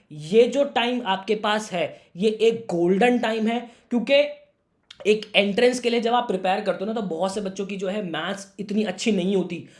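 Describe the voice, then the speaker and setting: Talking directly to the camera, this young man gives students earnest career advice as a guidance YouTuber. His high voice is a bit hoarse from a sore throat, and he keeps addressing the viewer as "my brother" in a brotherly way.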